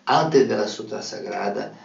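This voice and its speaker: Gravelly man teaching slowly and emphatically. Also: fairly low pitch. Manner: slow, emphatic, repetitive teaching with filler "eh". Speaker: spiritual teacher. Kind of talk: religious study lesson. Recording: echoey, dull recording from a distance.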